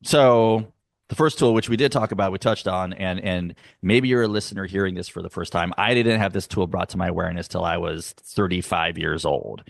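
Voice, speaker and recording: A middle-aged man speaking earnestly as a guest in an interview, explaining ideas slowly and with emphasis. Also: sits low, gravelly, dry recording, clean studio sound. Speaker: guest, youth arts nonprofit leader. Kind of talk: conversational interview. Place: home, dog barking nearby.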